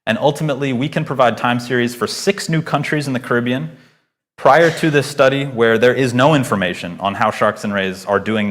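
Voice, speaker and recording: In a lecture hall, a thirty-something man presents his research to an audience over a microphone as part of a conference talk followed by Q&A. His voice sits in the middle range and has a fairly bright tone. He lectures in an earnest, emphatic way, pushing stresses upward.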